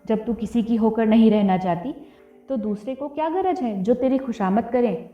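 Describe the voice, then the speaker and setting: A woman's voice: fairly high pitch, moderate pace, natural voice. A woman reading a sulky, bitter village husband. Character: stubborn weary young village husband. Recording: tinny phone-like audio, roomy, faint music.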